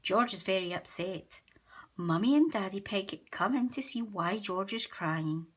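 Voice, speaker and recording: A woman reading a children's storybook aloud as host of a story time, gentle and expressive. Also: mid-range voice, a little slow, breathy edge. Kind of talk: children's read-aloud narration.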